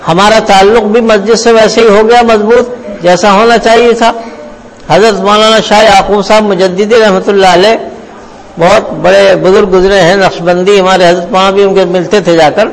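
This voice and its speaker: A man preaching a sermon, telling a story with slow, emphatic pauses. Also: high-pitched. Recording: long hall reverb, faint room noise.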